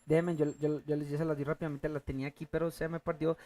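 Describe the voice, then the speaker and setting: Preacher in a teaching sermon, mid-pitch, halting restarts, call-and-response questions to the congregation. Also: little pitch movement, dark tone. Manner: asks the congregation fill-in questions, repeats key words slowly; halting restarts, thinking aloud. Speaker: preacher teaching a Bible class.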